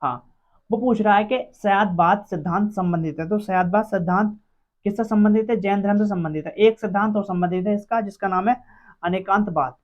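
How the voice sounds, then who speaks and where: A teacher runs an exam-prep quiz, posing each question aloud, giving the answer and repeating it several times over. The mid-range voice moves a little fast, and the lo-fi recording sounds dull.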